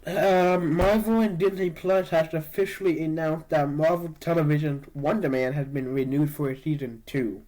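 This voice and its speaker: A man's voice: a little high, steady tone, normal speed, few pauses, darkish tone, rough recording. Sniffly man co-hosting a podcast. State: sniffly from allergies. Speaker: podcast co-host. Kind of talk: casual chat.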